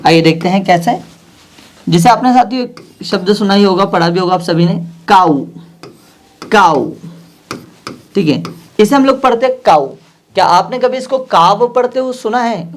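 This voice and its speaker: A man teaching a language lesson, patiently repeating each phrase and word and asking his listeners questions he then answers himself. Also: high-pitched. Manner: addresses listeners directly, asks and answers his own questions.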